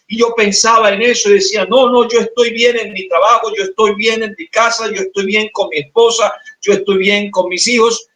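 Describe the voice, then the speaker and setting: A man with a Colombian accent, preaching a sermon as pastor and telling an emotional testimony, at times soft and at times shouted. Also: high-pitched. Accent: Colombian Spanish. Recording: roomy, distant mic in church.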